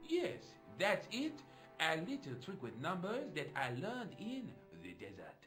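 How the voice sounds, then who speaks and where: A man's voice: high voice, huge pitch swings, unhurried, fairly bright tone, faint music behind, exaggerated voice. An actor playing a chatty, theatrical French café man in a video game, with a French accent. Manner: theatrical, melodramatic, fussy.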